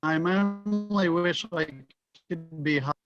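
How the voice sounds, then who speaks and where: A man giving public comment at a city meeting over a remote call, his audio distorted and clipping from a spotty internet connection, checking haltingly whether he can be heard. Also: sits high, fairly bright tone, muffled recording, faint music behind.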